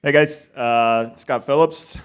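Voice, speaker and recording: A man's voice: medium pitch, takes it slowly, clear, resonant tone. A man from a sponsor booth thanking visitors and announcing a raffle winner. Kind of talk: brief announcement.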